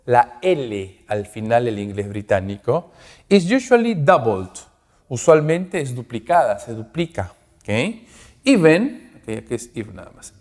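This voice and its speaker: A man's voice: mid-range voice, a little mellow, long reverb tail. A male English teacher with a Peruvian Spanish accent gives a class lecture, repeating rules and checking in with "¿ok?" after each point. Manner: checks in constantly with "¿ok?" and "¿ya?"; repeats rules and slows down to read English aloud.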